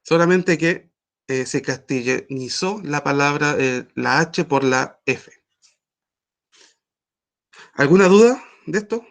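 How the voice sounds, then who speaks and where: A man teaching an online language class, explaining patiently with frequent pauses and fillers. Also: a little high, animated, vocal fry.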